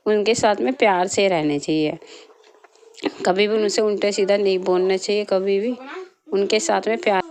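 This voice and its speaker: A woman's voice: mid-range voice, darkish tone, smooth, dry recording. A woman vlogger telling a story from her life and giving earnest moral advice, repeating herself often. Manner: repetitive, earnest, preachy.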